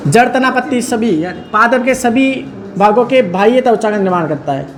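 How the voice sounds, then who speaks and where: A man's voice: very high-pitched, expressive, normal speed, rough recording. A man teaching a lecture, repeating key terms and asking his listeners questions as he goes. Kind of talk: classroom lecture. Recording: crowd noise behind.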